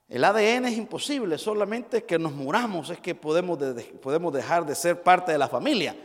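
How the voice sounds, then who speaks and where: A male pastor delivers a sermon in a high, very lively voice that rises and dips dramatically. He tells stories with emotion and swings between ringing emphasis and near-whispers. His voice echoes through a reverberant hall. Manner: emotive storytelling, swings between loud and hushed.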